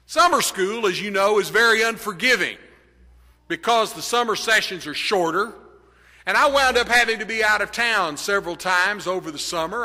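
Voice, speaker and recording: Bright-voiced preacher in an echoing hall. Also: male voice, high-pitched. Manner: storytelling, rising to emphatic declarations. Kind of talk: sermon. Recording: long hall reverb.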